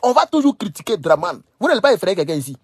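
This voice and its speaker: A man's voice: sits high, very animated, fast talker, husky, no room sound, clean studio sound. A young man from Burkina Faso, talking straight to camera, emphatic, repeating phrases and scolding his listeners. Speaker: political commentator. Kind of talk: casual direct-to-camera monologue.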